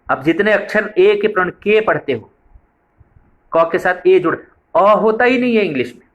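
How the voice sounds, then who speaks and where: A man's voice: high voice, animated, moderate pace, muffled recording. Man giving a training lecture. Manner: explanatory, repeats points for emphasis. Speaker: preschool method trainer.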